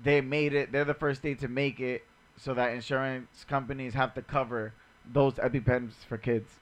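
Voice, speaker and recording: A man's voice: mid-range voice, flat delivery, moderate pace. Laid-back slangy man co-hosting. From Dominican family ties. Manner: laid-back slangy banter, swears freely. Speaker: podcast co-host. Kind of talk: casual chat.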